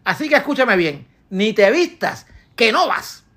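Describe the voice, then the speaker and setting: A woman voicing a jealous wife who scolds her husband in shrill, sarcastic rhymed verse for a comic piece. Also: sing-song, measured pace, fairly bright tone, exaggerated voice. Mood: furious.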